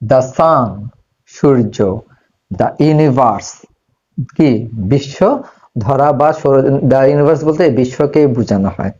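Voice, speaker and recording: A male English teacher giving a classroom-style grammar lesson, explaining slowly and asking and answering his own questions, in a room with a whiteboard. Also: a little high, dark tone, dull audio.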